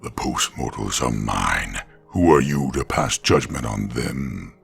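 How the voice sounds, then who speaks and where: A man voicing a tall cloaked male being from the underworld, speaking slowly, deeply and commandingly, in a horror story reading. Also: lively intonation, vocal fry, slightly rough, faint music behind, full character voice. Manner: slow, deep and commanding.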